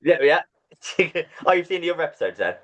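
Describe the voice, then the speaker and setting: A man hosting a casual interview podcast, cheerful and quick to laugh. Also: on the high side, sing-song, a bit bright. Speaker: podcast host. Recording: dull lo-fi sound.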